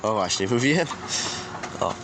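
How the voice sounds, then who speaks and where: Man, lowish voice, casual poultry vlog in an outdoor farmyard, audible hen noise behind. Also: expressive, normal speed. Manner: chatty, swears casually, coaxes and scolds his hens. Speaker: poultry keeper vlogger. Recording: outdoor camera audio, clear farmyard noise. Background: clucking hens and a crowing rooster.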